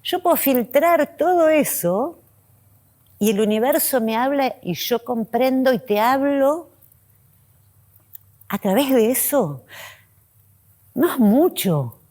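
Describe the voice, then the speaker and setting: A woman hosting a reflective spiritual talk, speaking in pausing, list-like phrases that often drop softly in pitch. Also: animated. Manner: slow, pausing, list-like delivery with soft drops in pitch. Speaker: host.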